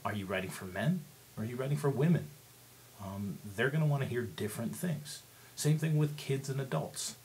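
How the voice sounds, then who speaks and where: Male teacher, lowish voice, casual explanatory screencast delivery, slight background hiss. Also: darkish tone. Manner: conversational, explanatory, asks rhetorical questions. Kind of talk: instructional screencast lesson.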